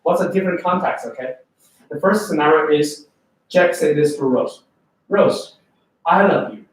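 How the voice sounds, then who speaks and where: Lively and fond of asking his students questions, a Chinese man with a Chinese accent lectures an English test class and keeps checking in with the room. His pitch is fairly high and his pace moderate. The sound is distant and echoey.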